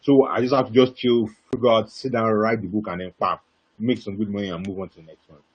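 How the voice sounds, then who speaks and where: A young man telling his story as a webinar guest speaker, animated and repetitive, bursting into laughter. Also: on the low side, fast talker, breathy edge. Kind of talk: casual webinar talk. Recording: dull lo-fi webinar audio.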